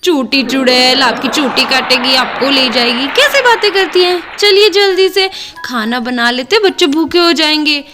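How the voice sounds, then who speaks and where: A woman voicing a cheerful younger sister-in-law who teases and calms her elder, in a doll-play story. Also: sits high, moderate pace, hardly any pauses, over music, voice pushed down. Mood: teasing. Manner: teasing, reassuring.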